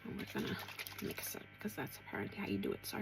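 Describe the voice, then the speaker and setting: A woman chatting casually through a makeup tutorial, talking to herself as she works and dropping into soft asides. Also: fast, very noisy. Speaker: beauty vlogger.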